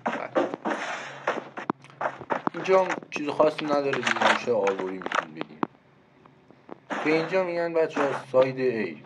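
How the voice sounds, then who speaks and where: A Persian-accented man casually explaining game map callouts, thinking aloud with pauses and self-corrections, over game audio with clicking. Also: medium pitch, very animated, very noisy. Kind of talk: casual gameplay walkthrough.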